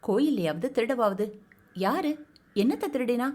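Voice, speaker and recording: A brisk young wife from an audio novel, voiced by a woman narrator. She speaks curtly and impatiently, brushing others off in her own everyday voice. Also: mid-range voice, expressive, close to an everyday voice. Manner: curt, impatient.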